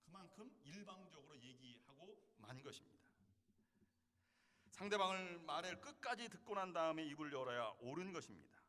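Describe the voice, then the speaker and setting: A male pastor delivers a sermon in a forceful, bright voice pitched a little higher than most men. He preaches earnestly and leans on rhetorical questions. His words ring out with a long reverb in a church sanctuary. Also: animated, moderate pace. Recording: echoey hall with long reverb.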